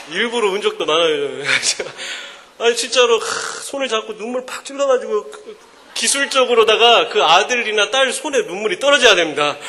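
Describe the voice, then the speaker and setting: A man in his thirties giving a joking, animated sermon-style talk at a mothers' prayer meeting. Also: high voice, normal speed. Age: 30s. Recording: echoing hall reverb.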